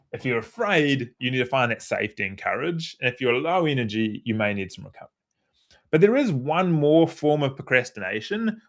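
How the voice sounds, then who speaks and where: A man coaching a live online workshop while seated at his desk. He speaks in a relaxed, conversational way and slips into quoted inner voices as he explains. His pitch sits in an ordinary middle range. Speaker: performance coach.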